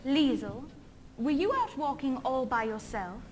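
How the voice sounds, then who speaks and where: A woman's voice: sits high, very animated, unhurried, slight background noise. A young woman playing a kind, cheerful governess. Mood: gentle. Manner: soft and soothing in speech, bright yodeling in song. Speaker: stage musical actor. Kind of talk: stage musical acting and singing.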